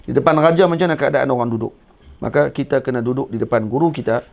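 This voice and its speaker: A man with a Malaysian Malay accent teaching a religious text, reading Arabic passages slowly and then explaining them in relaxed colloquial speech with jokes and laughs. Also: medium pitch, vocal fry. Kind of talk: kitab study lecture.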